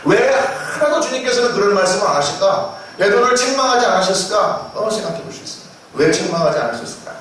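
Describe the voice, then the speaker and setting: A male pastor preaches a Sunday sermon, pressing his points with rising emphasis and repeated blessings for his listeners. His voice sits fairly high and rings through a very echoey sanctuary, recorded from a distance. A faint noise floor hums underneath. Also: big pitch swings, quick pace, hardly any pauses, fairly bright tone. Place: church sanctuary. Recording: echoey church hall, mic at a distance.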